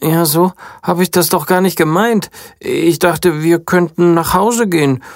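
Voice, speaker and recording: A storyteller voicing a whiny young princess in a children's story, pleading and sulky. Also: female voice, lowish voice, a little slow, no room sound, clean studio sound, pitched above the performer's own voice.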